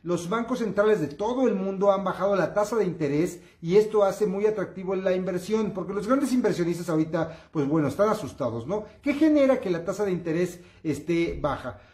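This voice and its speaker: A man's voice: high voice, expressive, brisk, hardly any pauses, darkish tone, echoey room. A man giving upbeat, coaxing finance commentary, hesitating often with filler sounds. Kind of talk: informal money commentary to camera.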